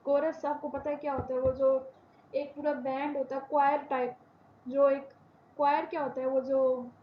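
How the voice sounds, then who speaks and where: A woman with a high, clear-pitched voice gives a classroom lecture as a university English teacher. She drags out her example sentences word by word, then rattles off quick explanations. The recording is slightly dull and lo-fi, with a faint hiss underneath. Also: level tone. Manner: repeats key words for emphasis.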